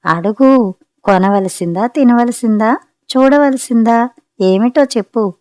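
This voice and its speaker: A woman's voice: fairly high pitch, takes it slowly, darkish tone, no echo. A woman reader voicing a joking husband who grows exasperated, in a storybook reading. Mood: teasing. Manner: joking, then grumbling. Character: teasing middle-class husband, easily exasperated.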